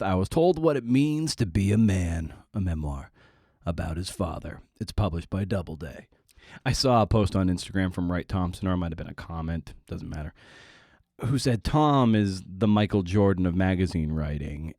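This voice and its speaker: A podcast host with a fairly low, darkish voice introduces his show in a casual monologue, recorded close and dry. He comes across wry and self-deprecating, adding playful asides and repeating phrases for emphasis.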